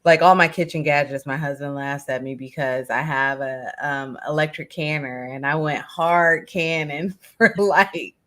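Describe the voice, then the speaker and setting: A woman's voice: low voice, steady tone, unhurried, hardly any pauses, fairly bright tone. A woman co-hosting a craft livestream in casual chat, rambling and self-deprecating.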